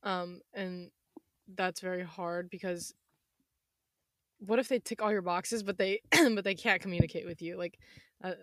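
A twenty-year-old woman with a slightly hoarse voice, chatting casually in a rambling, self-interrupting way. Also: on the low side, steady tone, unhurried, long pauses, no room sound, clean studio sound. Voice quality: slightly hoarse, losing her voice. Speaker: podcast host. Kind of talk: casual chat.

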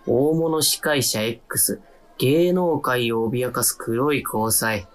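Faint music plays behind a slow, lightly acted mid-range voice. An actor plays a timid young adult narrating his own radio drama as an inner monologue, with wry, self-deprecating asides.

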